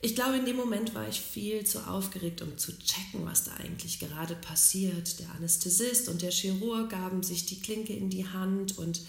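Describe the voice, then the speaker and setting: A woman calmly and earnestly telling her own life story in a reflective way. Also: medium pitch, moderate pace, gravelly, hardly any pauses. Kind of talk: personal storytelling. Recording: roomy, echoey recording.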